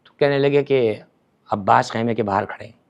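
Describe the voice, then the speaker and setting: A man, a religious scholar, telling a story with feeling in a podcast interview. He swings between forceful and hushed delivery and repeats words for emphasis. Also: medium pitch, vocal fry, highs cut off.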